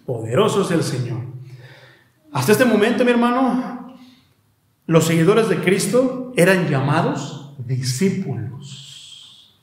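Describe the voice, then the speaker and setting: Emphatic Mexican preacher, fairly high male voice, rhetorical questions, very echoey church hall. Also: big pitch swings, slow, long pauses. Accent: Mexican Spanish. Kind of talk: sermon.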